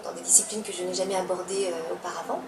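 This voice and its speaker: A young Italian professional dancer answers interview questions hesitantly, with many fillers and restarts. Her voice is lowish and steady, and she talks fast. The roomy, distant mic picks up background noise.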